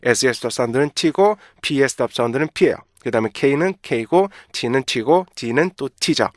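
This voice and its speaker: A man gives a pronunciation lesson in a medium-pitched voice. He explains patiently, repeats each word slowly and keeps checking that his listeners follow. The recording is very dry and close, with almost no room sound. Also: lively intonation, no echo. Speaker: English pronunciation teacher.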